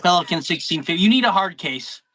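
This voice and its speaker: Brief: easygoing male co-host, bright high voice, dry sound. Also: expressive, quick pace, dry recording. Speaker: live stream co-host. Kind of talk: casual chat. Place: indoors, a shed workshop.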